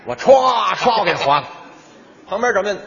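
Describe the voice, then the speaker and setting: A man performing the lead part of a stage crosstalk comedy routine, telling his story with animated, punchy delivery. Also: high-pitched, moderate pace, big-room sound, dull audio.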